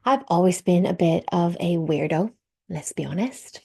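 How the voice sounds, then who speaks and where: A woman in her thirties with a Swedish accent tinged with American and Australian English, speaking as a podcast host in a gentle, reflective way that trails into soft breathy asides. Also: lowish voice, animated, moderate pace. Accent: Swedish, mixed with American and Australian English. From Sweden. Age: 30s. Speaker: podcast host and birth work mentor. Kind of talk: personal podcast monologue.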